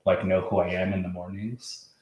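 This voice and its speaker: A man with a fairly low voice riffs on sketch ideas with easy enthusiasm. He talks in quick bursts, like someone thinking out loud among colleagues. The sound carries a noticeable room echo. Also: little pitch movement. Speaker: comedy writer. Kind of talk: brainstorming in a writers' room. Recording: roomy echo.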